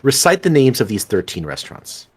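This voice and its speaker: A man's voice: mid-range voice, sing-song, brisk, breathy edge. A man hosting a livestream, casually teasing and prompting the puzzle solver. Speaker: stream host.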